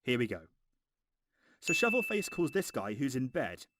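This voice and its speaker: A man's voice: medium pitch, very animated, normal speed, noisy background. A man narrating a scripted film review in a mocking, exasperated, sweary way.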